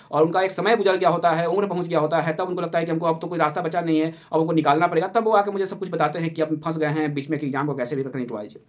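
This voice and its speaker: Guy, coaching teacher pep talk, rattles along quick, kinda high voice, keeps hammering warnings. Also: highs cut off. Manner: urgent, exhorting, repeats warnings. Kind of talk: motivational talk to exam aspirants.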